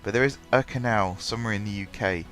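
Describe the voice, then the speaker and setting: Talking at a quick pace in a fairly low, fairly bright voice, a gaming channel host with a stuffy cold gives rambling, casual commentary on his game. It is full of ums and restarts, and faint music plays underneath.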